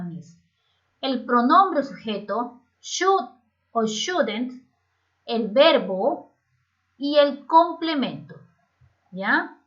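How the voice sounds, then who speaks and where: A woman teacher, explaining a grammar lesson to children slowly and patiently. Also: on the high side, fairly bright tone. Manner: slow, patient explaining, switching between languages. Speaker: English teacher. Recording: slightly muffled lo-fi home recording.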